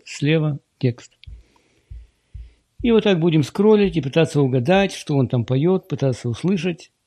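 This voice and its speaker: A man with a dark, mellow voice that has a gravelly edge, leading a relaxed English lesson over a shared screen. He explains things patiently and slows down to repeat English words. The sound is close and dry. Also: mid-range voice, dry recording. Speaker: English teacher.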